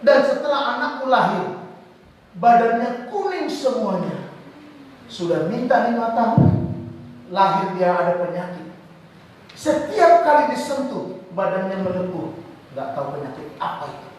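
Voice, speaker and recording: Middle-aged male preacher from North Sumatra, loud and animated, distant in a reverberant church hall. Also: high voice, unhurried, long pauses, slight background noise. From Batak, North Sumatra. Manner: loud, animated, joking, shouting. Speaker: pastor. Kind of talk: lively preached sermon. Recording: echoey church hall from far off.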